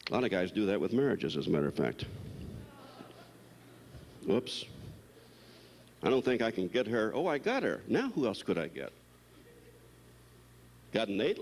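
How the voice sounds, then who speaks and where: A man, a psychologist, giving a blunt, animated storytelling lecture to a live audience. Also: lowish voice, normal speed, long pauses, a little hiss or hum. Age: older. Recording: long hall reverb, recorded live.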